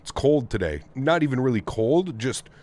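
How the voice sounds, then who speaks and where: Here the same kind of host, a North American man at his home flight sim setup, greets his live stream viewers one by one with friendly cheer. His mid-range, darkish voice has a sing-song lilt and a normal pace. Weather-related congestion makes him sound nasal.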